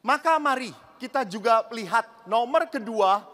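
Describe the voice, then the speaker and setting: Animated man preaching in an echoing hall. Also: unhurried. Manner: storytelling, acting out characters with shifting pitch. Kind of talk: humorous sermon to a large congregation. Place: large event hall with a big audience. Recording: reverberant large hall.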